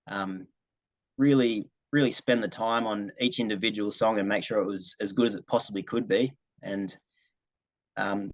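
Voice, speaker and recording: A young singer-songwriter from regional New South Wales, Australia, answers interview questions casually over a video call. His voice is on the low side, and the recording is low quality, made in a dry room with no echo.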